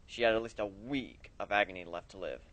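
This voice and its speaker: Low-voiced man reading a story aloud. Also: a little fast, a bit bright, poor audio. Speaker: fan fiction reader.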